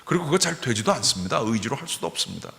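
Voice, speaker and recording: A man's voice: mid-range voice, big pitch swings, racing, vocal fry, fairly bright tone. A man preaching at a revival meeting, earnest and repeating key phrases for emphasis. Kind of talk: sermon. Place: church sanctuary. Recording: reverberant church hall.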